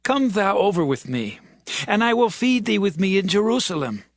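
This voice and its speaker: A man's voice: sits high, sing-song, normal speed, dry recording, studio quality. An actor playing a commanding king of Israel in a dramatized Bible audiobook, declaiming in archaic scriptural phrasing. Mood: magnanimous. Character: commanding king of Israel, stern yet magnanimous.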